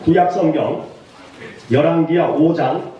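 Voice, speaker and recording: A high-pitched male pastor delivers an animated sermon, now and then breaking into shouts as he voices the people in his story. He is heard from a distance in a very echoey church sanctuary. The sound is dull and muffled. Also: measured pace, a little hiss or hum. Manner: animated, acts out quoted lines with sudden shouts.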